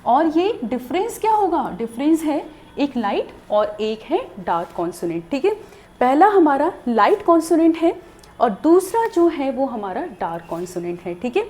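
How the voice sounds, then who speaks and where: Young woman explaining a lesson, high voice that jumps around a lot, patient. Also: big pitch swings, moderate pace, a little mellow. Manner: patient, explanatory, repeats "theek hai". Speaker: shorthand teacher. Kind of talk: recorded lesson.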